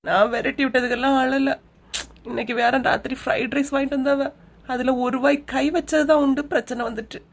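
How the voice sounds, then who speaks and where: A woman's voice: high voice, fairly even intonation, a little fast, vocal fry. A woman with a Kanyakumari Tamil accent voicing a whiny, complaining younger woman in a cartoon comedy. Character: tearful greedy younger sister-in-law.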